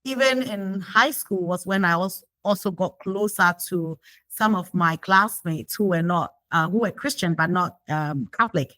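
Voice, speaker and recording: A woman's voice: fairly low pitch, normal speed, sharp tone, no echo, low-quality recording. Woman speaking reflectively, dry sound. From Ghana. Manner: reflective, with frequent fillers and restarts. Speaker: guest. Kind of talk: conversational interview.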